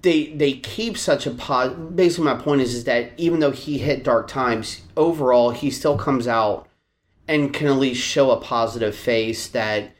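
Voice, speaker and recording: A man co-hosting a podcast, talking in a rambling, animated way with many restarts and a Virginian accent. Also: medium pitch, normal speed. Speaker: podcast co-host. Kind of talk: casual chat.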